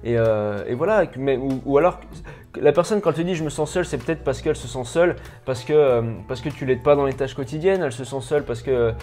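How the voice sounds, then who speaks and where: A man with a French accent gives an improvised self-help lesson, speaking directly and casually to the viewer. He stumbles, repeats himself and restarts sentences as he goes, at a middling pitch. Faint music plays under his voice. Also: fast, a little mellow. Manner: stammering, many restarts and repetitions, rambling; informal, uses tu with the viewer. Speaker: personal development coach.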